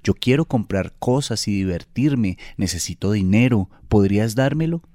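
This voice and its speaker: A boy grown old and tired, read by a man, his voice low and mellow. He speaks quietly and flatly, close to the mic in a dry sound. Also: moderate pace, no room sound, natural voice. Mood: weary.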